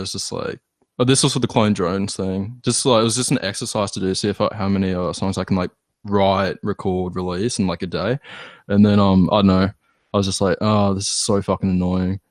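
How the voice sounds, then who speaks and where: An Australian band musician, appearing as a podcast guest, chats casually, hesitant, self-deprecating, and quick to swear. His fairly low voice holds a steady tone at a fairly quick pace. The sound is studio quality with no echo.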